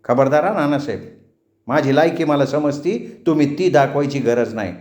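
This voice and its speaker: A man's voice: a little high, moderate pace, darkish tone, natural voice. A man voicing a proud, defiant young village man who speaks with intensity, in a roomy recording. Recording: roomy echo.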